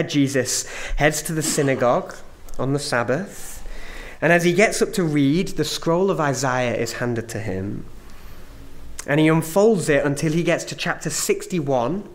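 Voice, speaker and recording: Male preacher: unhurried, measured sermon delivery, emphatic pauses, somewhat higher-pitched voice.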